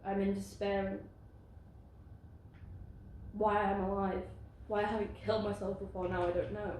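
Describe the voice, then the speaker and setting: A woman acting a despairing young sister on stage, sighing and breaking into anguished shouts. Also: mid-range voice, flat delivery, normal speed, a little hiss or hum, lightly acted. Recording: distant, echoey stage with violin music.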